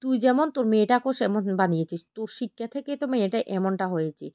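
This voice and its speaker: A woman's voice: medium pitch, lively intonation, very fast, a little mellow, dry recording, natural voice. A woman voicing a blunt, defiant young wife who speaks scornfully, in a retold TV serial.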